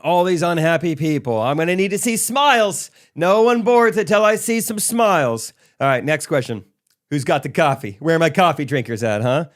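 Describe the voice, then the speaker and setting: A brash, sing-song male flight attendant who hypes up a sleepy crowd, as a man puts him on. His voice sits high and loud, with the swagger of an announcer. The delivery stays crisp and smooth. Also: animated, normal speed, close to an everyday voice. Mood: rowdy hype.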